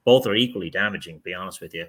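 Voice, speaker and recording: A middle-aged real estate team leader from outside the United States gives candid interview answers that ramble and keep restarting. His voice is deep and he talks at a racing speed.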